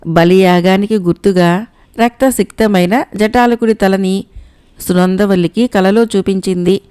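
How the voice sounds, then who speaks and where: A woman narrating a folk-tale audiobook in an even, expressive reading. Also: medium pitch, clear, resonant tone. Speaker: storyteller.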